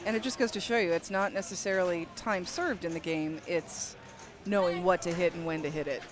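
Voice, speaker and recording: A man doing color commentary on a live tournament, easygoing and joking, often chiming in with quick agreements. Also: sits high, music in the background.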